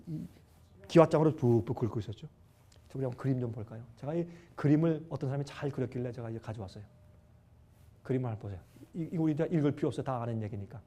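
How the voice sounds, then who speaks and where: A male preacher giving a seminar sermon, telling a story in an animated way and acting out the dialogue himself. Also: sits high. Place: seminar hall.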